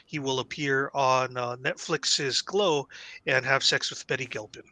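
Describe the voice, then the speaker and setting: Bright-voiced man explaining wrestling trivia. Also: medium pitch, steady tone, a little slow, no room sound. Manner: knowledgeable, rambling with fillers. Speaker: podcast co-host explaining wrestling history. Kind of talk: casual podcast chat.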